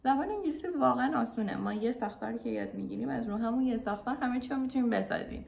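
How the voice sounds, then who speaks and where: A woman's voice: fairly high pitch, gravelly, a little mellow. Encouraging woman teacher in an echoey room. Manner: upbeat, praising, drills phrases slowly. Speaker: English teacher. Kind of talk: teaching English to beginners.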